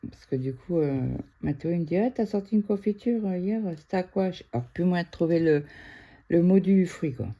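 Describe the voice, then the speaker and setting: A middle-aged woman from France chatting casually to viewers at home, excitable and quick to raise her voice. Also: lowish voice, highs cut off. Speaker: craft vlogger. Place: indoors at home.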